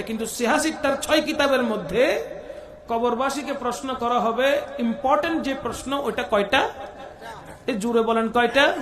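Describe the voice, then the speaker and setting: A man's voice: very high-pitched, fairly bright tone. A man preaching a sermon at a religious gathering, calling out to the crowd and chanting Arabic phrases. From West Bengal, India. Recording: echoey public-address sound.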